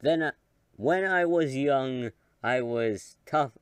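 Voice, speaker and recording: A man reading out a weary old male professor in a fan-made game, in a slow, tired voice. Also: medium pitch, smooth, dry recording, pitched above the performer's own voice, natural voice.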